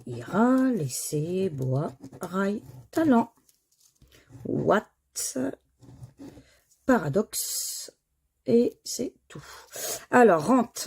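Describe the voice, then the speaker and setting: A woman with a gravelly, husky voice talks slowly through her scratch tickets. Her tone is dark and mellow as she spells out letters one by one and sighs at the misses in casual commentary. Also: medium pitch. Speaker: scratch card vlogger.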